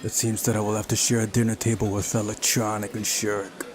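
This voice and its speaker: A man hosts a playthrough of a visual novel, reading the narration aloud and tossing in wry, casual asides. His voice is lowish and level, his pace fairly quick, with background noise and faint music behind him.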